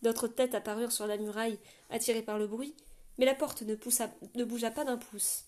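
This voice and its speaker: A woman narrating a fantasy novel aloud in a quiet, measured reading voice. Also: fairly high pitch, fairly even intonation. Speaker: audiobook narrator.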